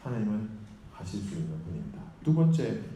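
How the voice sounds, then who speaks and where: Dark-voiced male preacher in an echoey hall. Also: on the low side, sing-song, a little fast. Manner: chatty, questions the audience, acts out quotes. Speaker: retreat lecturer. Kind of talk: conversational sermon lecture. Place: large hall at a student retreat. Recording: very echoey hall, faint room noise.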